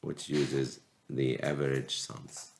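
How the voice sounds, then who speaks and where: A math teacher battling a cold works through a recorded calculus lecture step by step, his slow explanation broken by frequent restarts. His voice is extremely low and creaky, darkish in tone, with little variation in pitch.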